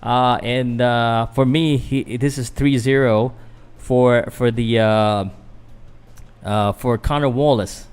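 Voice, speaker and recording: A young Filipino man, a boxing commentator who also hosts the channel, talks through a fight live in a mid-range voice that is steady, slow, smooth and a little mellow. His commentary is loose and casual, hesitant and packed with fillers, and he answers viewers in the chat as he goes.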